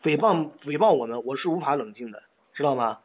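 A man's voice: medium pitch, lively intonation, brisk. Furious man arguing over a tinny phone line. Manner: angry, stammering, repeats himself insistently. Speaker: caller complaining by phone. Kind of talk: heated phone argument.

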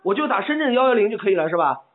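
A man's voice: high-pitched, very animated, rapid-fire. A man on a phone call, arguing angrily and stammering as he repeats his points over and over. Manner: angry, stammering, repeats himself insistently. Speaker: caller complaining by phone. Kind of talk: heated phone argument. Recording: tinny phone line.

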